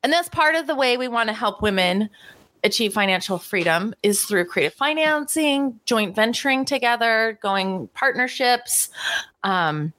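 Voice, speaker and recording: A woman co-hosting a podcast, chatty and enthusiastic, often pausing on fillers. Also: on the high side, lively intonation, fairly bright tone, dry recording. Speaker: podcast co-host. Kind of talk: casual podcast chat.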